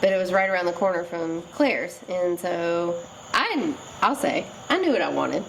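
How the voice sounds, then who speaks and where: A woman's voice: fairly low pitch, expressive, moderate pace, creaky, slight background noise, poor audio. A woman chatting casually, teasing her partner and cutting in to correct his story. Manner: teasing, cuts in to correct him. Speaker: co-host, partner. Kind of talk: casual chat.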